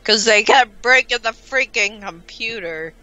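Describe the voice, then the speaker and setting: A woman chatting casually while playing a life-sim game, bossing her character around and thinking out loud. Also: fairly high pitch, unhurried. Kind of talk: casual gameplay chat. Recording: slightly dull sound with faint music.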